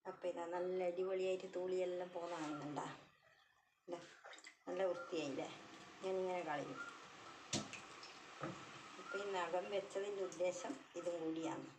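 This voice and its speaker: A woman's voice: on the low side, moderate pace, long pauses. A woman, vlogging casually at home and chatting fondly to her cat while she cleans fish. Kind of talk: casual home cooking vlog. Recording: echoey room with clear background noise.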